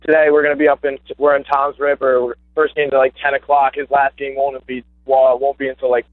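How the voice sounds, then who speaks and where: The speaker is a young man calling in as a guest, an ex high school basketball player, chatting in a casual phone interview with eager energy and frequent fillers and restarts. His medium-pitched voice shows little movement and moves fairly quickly. There's no echo on the tinny phone line.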